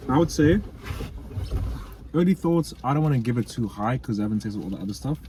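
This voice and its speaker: A man co-hosting a casual podcast chat, giving quick, easygoing verdicts on food. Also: mid-range voice, lively intonation, dark tone, slight background noise. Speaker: podcast co-host.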